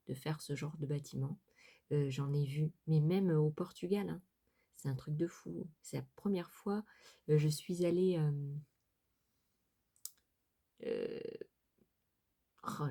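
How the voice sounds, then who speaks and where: A woman's voice: sits low, measured pace, gravelly, long pauses, mellow, slightly rough. A middle-aged woman from France vlogging about her crafts, chatting casually to viewers with many fillers and restarts.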